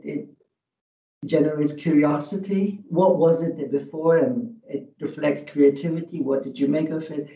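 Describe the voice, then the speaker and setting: A man's voice: fairly high pitch, warm tone. A middle-aged man from Afghanistan on a video call, reflecting aloud on a talk he has just heard in a casual, thoughtful way. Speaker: audience member asking a question. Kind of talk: casual academic discussion. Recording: dull, roomy, distant laptop sound.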